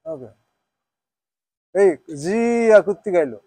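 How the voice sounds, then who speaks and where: High-voiced man teaching a class. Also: lively intonation, a little slow, warm tone, slightly rough, dry recording. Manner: checks with students, asks "হ্যাঁ?" often; switches between Bengali and English, spells Arabic out. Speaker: Quran teacher. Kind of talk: informal class lesson.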